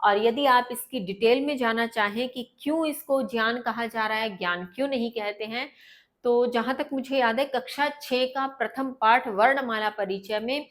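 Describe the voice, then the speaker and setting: Woman, teacher, going word by word thru a lesson, kinda high voice. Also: a bit bright. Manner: slow, word-by-word translation with repeated glosses. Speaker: Sanskrit teacher. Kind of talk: explaining a textbook lesson line by line.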